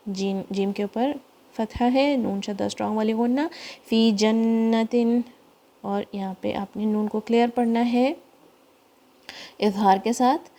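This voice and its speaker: A woman teaching Quran recitation, explaining pronunciation rules in with English words mixed in and slowly repeating each word to demonstrate. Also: mid-range voice, gravelly, dark tone. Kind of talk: tajweed lesson, explaining then reciting slowly.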